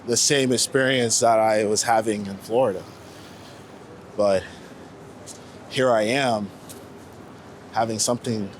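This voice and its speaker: Here a late-twenties man, a street photographer, answers an interviewer mid-walk in a relaxed, thoughtful, meandering style peppered with slang. His voice is mid-range. The recording picks up outdoor New York City street noise, including faint traffic and general urban ambience.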